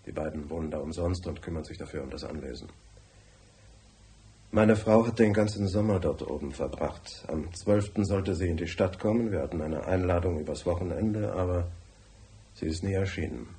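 A deep, brusque voice acts out a radio drama role: a wealthy, stingy businessman client who is curt, formal and domineering. The pace is normal and the tone warm, while the mood stays terse yet confiding.

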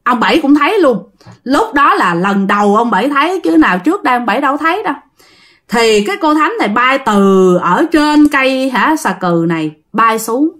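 A woman's voice: sits high, big pitch swings, moderate pace, a bit bright. Chatty Southern Vietnamese woman storyteller. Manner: chatty, addresses listeners directly. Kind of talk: casual ghost-story telling.

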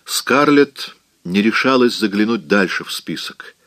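A man narrating an audiobook in an expressive, dramatic reading. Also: on the low side, unhurried, no room sound.

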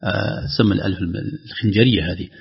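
A man teaching Quran recitation rules, explaining patiently and then reciting the examples slowly and more loudly. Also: lowish voice, vocal fry, slightly rough. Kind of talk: tajweed lesson with recited examples. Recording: dull lo-fi broadcast audio.

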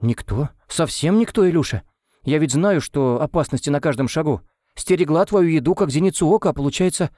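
A man's voice: a little high, brisk, dark tone, dry recording, studio quality, voice pushed up, close to an everyday voice. A man voicing a frightened, doting elderly woman nanny who pleads breathlessly and tearfully in an audiobook. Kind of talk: audiobook character voice.

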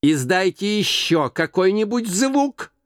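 A man's voice: medium pitch, wildly swooping pitch, takes it slowly, no echo. A man voicing a stingy, grumpy old male miser who speaks curtly and with scorn, in a dry audiobook reading. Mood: scornful. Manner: curt, scornful, snapping.

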